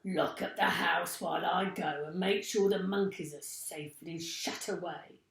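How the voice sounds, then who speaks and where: A woman's voice: on the low side, fairly even intonation, unhurried, gravelly, reverberant. A woman voicing a fierce, spiteful, bad-tempered man from a children's storybook, barking and menacing. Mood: excited scheming.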